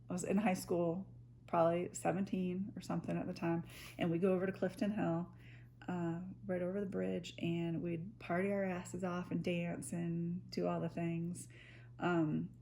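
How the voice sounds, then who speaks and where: A woman's voice: lowish voice, creaky, a little mellow. Giggly, rambling woman telling stories. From United States, near the Canadian border. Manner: giggly, laughs through her own sentences; rambling and loose, with casual swearing. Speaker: storytelling vlogger. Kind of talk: casual personal storytime, unedited.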